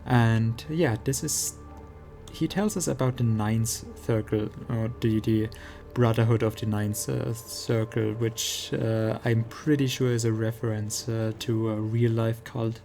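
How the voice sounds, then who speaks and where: A man with a mellow, mid-pitched voice gives casual gameplay commentary. He streams in a halting, thinking-aloud way, with faint game music behind him. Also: fairly even intonation, gravelly.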